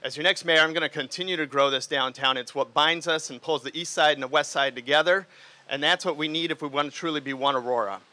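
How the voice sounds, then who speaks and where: A man's voice: fairly high pitch, fast talker, sharp tone, a little hiss or hum. Earnest man giving a campaign speech. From Liberia. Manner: earnest, speaks off the cuff with fillers. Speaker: mayoral candidate. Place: outdoors in the rain.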